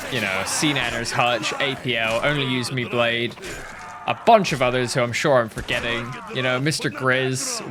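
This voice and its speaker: A man's voice: mid-range voice, background noise. A man in his thirties, a gaming YouTuber rambling through casual commentary over gameplay with lots of swearing and self-mockery, talking into a headset mic.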